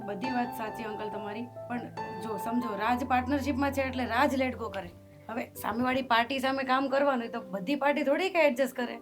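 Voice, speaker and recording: A woman playing a calm, pleading sister-in-law. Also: on the high side, fairly quick, soft background music, natural voice. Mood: reasoning. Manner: gentle, pleading. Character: calm young sister-in-law trying to reason.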